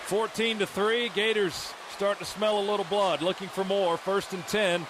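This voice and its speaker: A man's voice: high-pitched, steady tone, moderate pace. An American man doing live radio play-by-play of football, giving touchdown calls in a clipped running description of each play. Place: open stadium broadcast booth. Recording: loud stadium noise behind broadcast voice. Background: loud stadium ambience.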